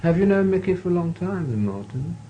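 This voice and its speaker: A man hosting a party who gently coaxes a guest with one question after another. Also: high-pitched, big pitch swings, a little fast, dull audio, a little hiss or hum. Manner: coaxing, asking question after question. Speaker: host. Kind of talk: casual chat.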